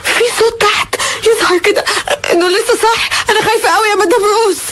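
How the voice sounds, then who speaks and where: A terrified young Egyptian woman who begs in panic. Her very high voice tumbles out quickly. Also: steady tone, fairly bright tone. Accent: Egyptian Arabic. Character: young woman caretaker, frightened and pleading.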